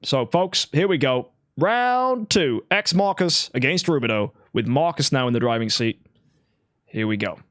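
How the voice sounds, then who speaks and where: A man calling a mobile game tournament as lead caster, talking fast and shouting at the big plays. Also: medium pitch, no room sound, studio quality. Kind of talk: live esports commentary.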